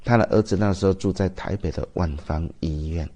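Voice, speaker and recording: A man's voice: low voice, brisk, dark tone. A man with a Taiwanese Mandarin accent, a Buddhist master giving a dharma talk, telling stories and asking the audience rhetorical questions.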